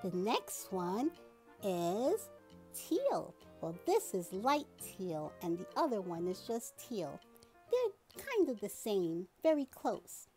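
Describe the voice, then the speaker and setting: A woman hosting a toddler learning video, talking through a color puzzle with a puppet in a slow, exaggerated, gushing sing-song way. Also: mid-range voice, wildly swooping pitch, a little mellow, faint music behind. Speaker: children's video host.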